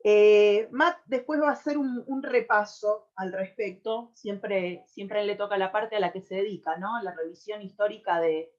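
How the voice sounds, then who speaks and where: An Argentine woman presenting on a radio program, explaining at length and pausing often on fillers as she gathers her thoughts. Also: mid-range voice, fairly even intonation, darkish tone, muffled recording. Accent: Argentine Spanish. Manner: thoughtful, with many hesitations and restarts.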